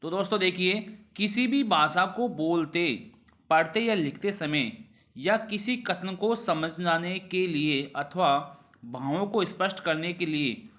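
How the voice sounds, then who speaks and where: A man leads a grammar revision lesson, going slowly in a slightly bright voice. He repeats phrases, asks rhetorical questions, and lets his pitch drop at the close of each sentence.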